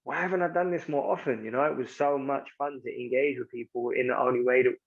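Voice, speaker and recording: A man's voice: medium pitch, quick pace, breathy edge. A man speaks as a mentor, frank and reflective, with plenty of loose asides as he thinks aloud. His voice sits in a middle register. The recording sounds slightly dull and lo-fi. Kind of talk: candid mentoring chat.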